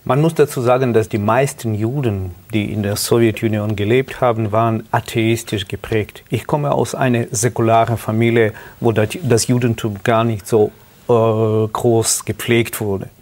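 A middle-aged man from Ukraine with a Ukrainian accent, earnestly telling his life story as a guest in halting German. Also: lowish voice, fairly even intonation, a little mellow. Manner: earnest, halting non-native German with restarts. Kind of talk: personal testimony interview.

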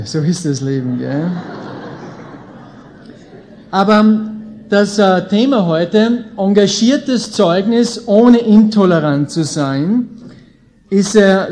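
Preaching folksily to an audience gathered indoors, this Austrian-accented man in his late thirties, a visiting preacher who leads a Bible school, emphasizes key phrases. He speaks in a high-pitched, unhurried voice with a dark tone.

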